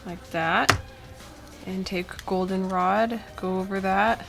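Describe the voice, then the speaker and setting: This young woman's medium-pitched voice sounds tired, creaky, and worn down after a cold. She takes her time with a casual voice-over for a drawing tutorial, recorded indoors at her drawing desk, chatting in a relaxed way with plenty of ums and uhs.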